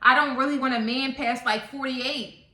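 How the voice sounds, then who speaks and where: A topic-channel vlogger in her thirties delivers a casual opinion monologue to viewers, blunt and emphatic and often repeating points. Her high-pitched voice is steady, pushed, and bright at a moderate pace, recorded in an echoey room.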